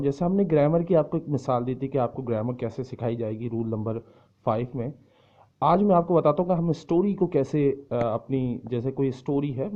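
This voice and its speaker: A man teaching English who speaks slow, careful English lines and then explains them quickly, sometimes acting out the shouted answers. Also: medium pitch. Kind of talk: explaining in a lesson, switching between slow English lines and fast Urdu explanation. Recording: dull lo-fi recording.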